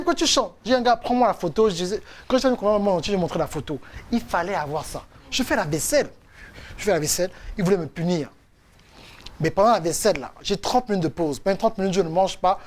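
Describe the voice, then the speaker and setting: Animated man telling his story. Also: high-pitched. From France. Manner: animated storytelling, acts out quotes. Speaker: coach and speaker. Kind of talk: motivational faith testimony.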